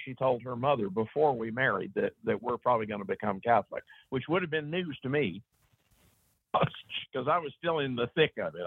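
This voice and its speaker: A man from East Tennessee with an Appalachian accent, talking casually as an interview guest in a folksy, unhurried storytelling way. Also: mid-range voice, breathy edge, no echo, narrow, tinny audio. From East Tennessee, USA. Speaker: guest author.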